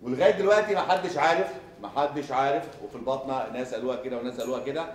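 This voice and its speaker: Fast-talking Egyptian man lecturing in an echoey hall. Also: mid-range voice, recorded from a distance, slight background noise. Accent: Egyptian Arabic. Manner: rapid, repetitive, quizzes students with rhetorical questions. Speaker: surgery lecturer. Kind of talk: recorded lecture.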